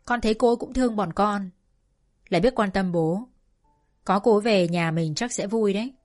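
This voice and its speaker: A woman's voice: mid-range voice, normal speed, a little mellow, faint music behind, close to an everyday voice. A woman voicing a naive, anxious teenage girl in a spoken story, talking in a raised, fretful way. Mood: coaxing.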